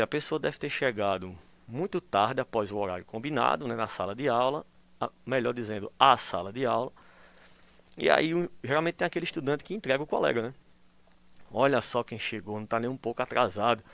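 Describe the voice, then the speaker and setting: Recorded with no echo, a male teacher speaks at a medium pitch during a school lesson. Patient in his explanations, he constantly uses tag questions to check understanding and performs example phrases with liveliness.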